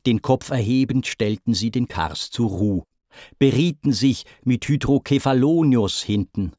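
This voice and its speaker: A man narrating epic verse in a measured, theatrical recitation with swelling emphasis. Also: mid-range voice, lively intonation, a little mellow, no room sound, studio quality. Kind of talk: dramatic reading of German epic verse.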